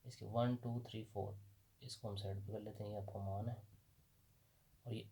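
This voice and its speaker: Patient Pakistani teacher working through examples. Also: male voice, on the low side, flat delivery, moderate pace, dark tone. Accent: Pakistani Urdu. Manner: patient, repeats questions and answers them himself. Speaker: language teacher. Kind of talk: explaining a lesson at a board.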